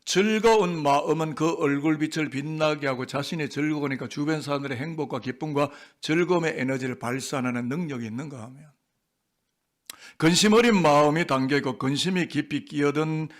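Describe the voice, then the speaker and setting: A man's voice: on the high side, brisk. A male senior pastor giving a sermon in a church sanctuary, playful and quizzing the congregation.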